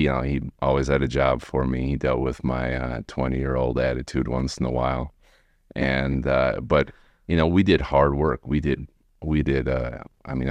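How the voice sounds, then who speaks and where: A man in his forties with an American accent, telling his story casually in a halting, rambling way as an interview guest. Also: a bass voice, no echo. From United States, Wisconsin. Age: 40s. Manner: rambling, halting, frequent "you know". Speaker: podcast guest, remodeling tradesman.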